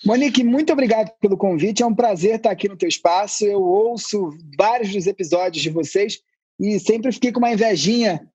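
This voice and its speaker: A man who is an anthropologist, a guest on a podcast, explaining ideas in a relaxed, conversational way with playful asides. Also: high-pitched, brisk, breathy edge, dry recording.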